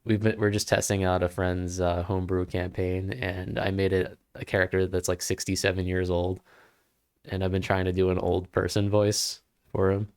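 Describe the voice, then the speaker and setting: A man's voice: low-pitched, monotone, moderate pace, a little mellow, smooth. A man co-hosting a live game stream, talking easygoing and dry while he sets up the game capture. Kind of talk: casual chat.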